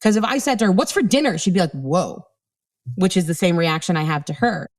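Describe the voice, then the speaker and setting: A woman's voice: lowish voice, very fast. A middle-aged woman speaking as a communication coach on a podcast, blunt and playful, acting out quoted tones of voice. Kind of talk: casual interview talk.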